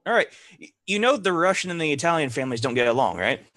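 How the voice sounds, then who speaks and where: A man voicing a cocky, self-important mobster bear who talks in halting, smooth-operator pitches in a tabletop game. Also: big pitch swings, a bit bright, dry recording. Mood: boastful.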